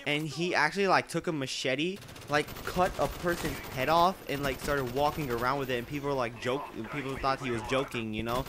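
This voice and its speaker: A man's voice: medium pitch, fairly quick, hardly any pauses, noisy background. A teenage boy telling a rambling story over gameplay, full of filler words and restarts. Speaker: gameplay commentator.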